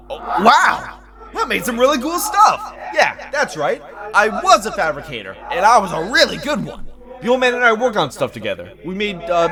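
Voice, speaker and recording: Voicing an amnesiac ex-magical fabricator with a filthy mouth, this audio-drama actor talks himself forward, swinging from quiet, concentrated muttering to sudden bursts of excitement. His pitch is fairly high.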